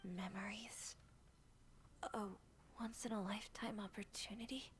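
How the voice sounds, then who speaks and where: A woman playing a timid, reverent young woman in a video game, speaking in a hesitant, halting way. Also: medium pitch, fairly even intonation, a little hiss or hum, close to an everyday voice. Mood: sorrowful, dawning realisation. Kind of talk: video game dialogue acting.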